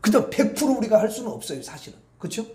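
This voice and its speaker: A man's voice: high-pitched, big pitch swings, fast talker, mellow, echoey room, slight background noise. A man pastor preaching at an evening prayer meeting, talking to the congregation in a colloquial, conversational way and often asking them rhetorical questions.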